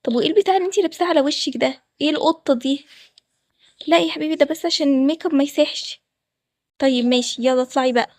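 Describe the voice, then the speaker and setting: A woman with an Egyptian accent voicing an old, rich, hot-tempered groom who talks loud and demanding. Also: sits high, very fast, no echo, clean studio sound. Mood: suspicious. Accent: Egyptian Arabic. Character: old rich groom, man, quick to anger.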